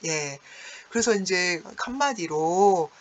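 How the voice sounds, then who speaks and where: Chatty teacher with a lively explaining tone. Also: medium pitch, slow, heavy background noise. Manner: chatty, explanatory, frequent "yes" and "like" fillers; acts out the poem's lines with sighs and chuckles. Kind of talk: online class lecture on classical poetry.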